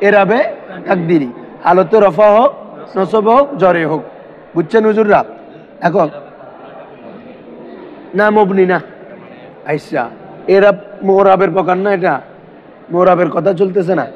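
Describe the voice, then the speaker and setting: Man, high voice, classroom grammar teacher, keeps quizzing students, dull lo-fi sound. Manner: quizzing students with constant questions. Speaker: madrasa teacher. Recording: dull lo-fi recording.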